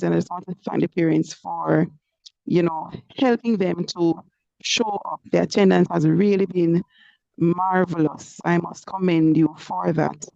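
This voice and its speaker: A woman teacher giving parents an update over an online group call, praising them warmly with frequent "you know" fillers. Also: on the low side, creaky, no echo. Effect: online group call audio, connection breaking up. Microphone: computer or phone mic on a video call. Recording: muffled, lo-fi video call audio.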